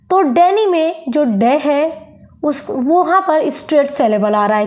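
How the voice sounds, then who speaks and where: A young woman teacher giving a lecture on English poetry, repeating each example word slowly, syllable by syllable. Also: sits high.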